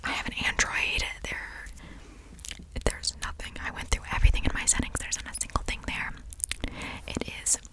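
A young woman speaks in a breathy ASMR whisper right up against a desktop microphone. She chats casually to viewers, rambling along in a playful, apologetic way. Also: moderate pace, low-quality recording. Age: young adult. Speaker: ASMR creator. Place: small indoor bedroom. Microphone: large desktop condenser microphone, very close.

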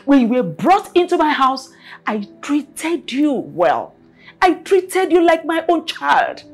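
A scornful, scolding middle-aged mother in a film drama, her voice high and swinging widely as she speaks slowly. She repeats herself as she berates, with faint music underneath. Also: big pitch swings, full character voice. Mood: furious. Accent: Nigerian. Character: stern, scornful mother of a grown son.

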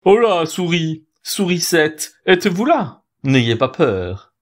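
A man voicing a vain, pompous male owl in a storybook tale, speaking in a drawn-out, wheedling way. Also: fairly high pitch, very animated, pitched above the performer's own voice.

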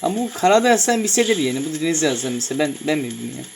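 A young man casually commenting on a fighting game as he plays, often shouting in surprise and swearing. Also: on the high side, big pitch swings, racing, background noise. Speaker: gameplay streamer. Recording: music clearly heard behind.

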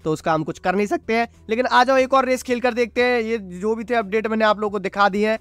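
Male YouTube gamer, high, rapid delivery, chatty racing commentary over loud music. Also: clean tone, no room sound. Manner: chatty, refers to himself as "your brother". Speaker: mobile gaming YouTuber. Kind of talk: excited gameplay commentary. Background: loud game music.

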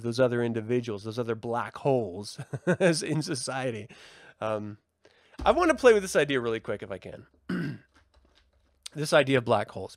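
A man with a slightly high voice hosts a live talk, thinking aloud through rhetorical questions and stressed words. He is a reverend and livestream host giving a reflective monologue to an online audience. The studio recording is clean, with no room sound.

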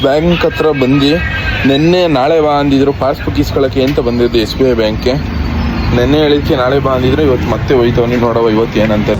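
A man's voice: medium pitch, background noise. A young man with a Karnataka Kannada accent, chatting casually to his viewers in a vlog, teasing and talkative. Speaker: vlogger.

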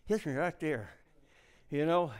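A middle-aged man preaching a revival sermon, telling folksy stories and swinging from hushed near-whispers to shouted climaxes. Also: on the high side, animated, normal speed, clean tone.

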